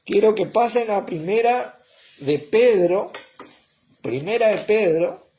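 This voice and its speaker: A man preaches a sermon at an unhurried pace, explaining each point step by step. His voice moves widely up and down in pitch, and he keeps checking in with his listeners with a short "¿eh?" or "¿mm?". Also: expressive, dark tone, a little hiss or hum. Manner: slow and explanatory, often checking with "¿eh?" and "¿mm?".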